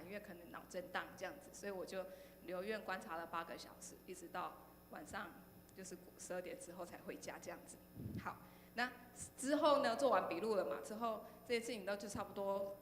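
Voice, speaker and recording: A woman with a Taiwanese Mandarin accent gives an animated testimony to a youth congregation, often pausing on "然后呢" and turning questions to her listeners. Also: mid-range voice. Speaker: speaker sharing a testimony at a youth service. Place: church hall. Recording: echoey hall, faint background noise.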